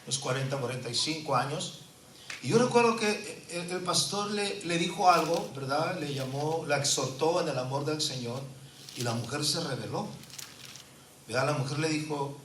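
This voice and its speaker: Man, 50s, pastor giving an earnest sermon, bright voice, heard from afar in a reverberant church. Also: fairly high pitch, normal speed, recorded from a distance. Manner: earnest preaching, frequent tag questions. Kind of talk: sermon with personal testimony. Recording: echoey church from afar, faint noise.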